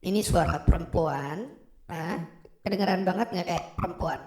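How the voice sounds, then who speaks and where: A man teasingly testing a pitch-shifting effect that makes him sound like a woman. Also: normal speed, darkish tone. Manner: mock-feminine, teasing. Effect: pitch-shifted up to sound female. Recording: roomy added echo.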